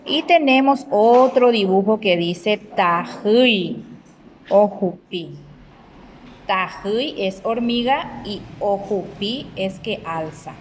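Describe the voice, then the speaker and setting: A woman teacher, speaking slowly and deliberately to children in a recorded lesson, spelling out syllables one by one. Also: medium pitch, lively intonation, a little hiss or hum, low-quality recording. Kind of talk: slow recorded remote lesson.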